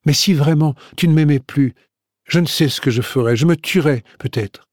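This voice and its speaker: A man's voice: on the high side, moderate pace, a little mellow, no echo, pitched above the performer's own voice, natural voice. Man voicing an anxious young woman's love letter, pleading, dry close sound, storybook.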